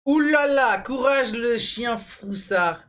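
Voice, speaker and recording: A young man hosts a video casually, bantering and ranking things in a slangy, opinionated, emphatic way. His voice is very high-pitched and fairly bright, animated but slow-paced. Music plays behind his voice.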